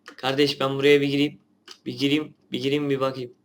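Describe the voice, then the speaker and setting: A man's voice: medium pitch, little pitch movement, fairly quick, slight background noise. A young man, a gaming channel host giving casual gameplay commentary, chatty and grumbling at the game.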